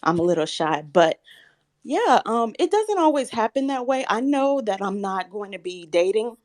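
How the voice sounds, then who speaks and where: A woman in her thirties from the Southern US calls into a live audio chat room, her voice a little high, very animated, and at normal speed. She speaks earnestly and softly with a slight shake, but turns firm and insistent when challenged.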